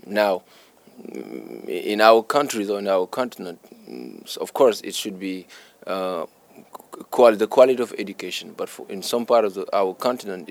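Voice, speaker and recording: Deep-voiced man with a Senegalese accent. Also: vocal fry. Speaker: English teacher being interviewed. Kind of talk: interview answers.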